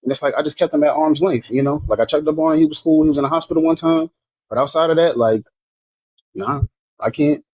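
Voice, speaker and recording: On a casual podcast, a guest from Maryland, USA, talks frankly, rambling with many restarts and plenty of swearing. His voice is a little high, quick, darkish, and slightly rough, and the recording quality is low.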